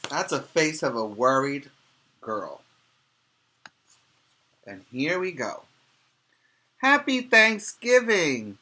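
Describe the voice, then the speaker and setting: A male preschool teacher reads a picture book aloud in a bright, forward, fairly high voice. He goes slowly, stressing key words for his young listeners, and his expressive, explanatory delivery includes questions for the children.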